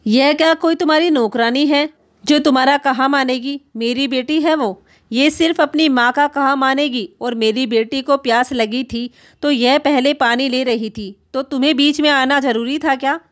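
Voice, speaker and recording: Brief: woman doing sharp, scornful daughter-in-law, scolding, a bit high. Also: moderate pace, natural voice.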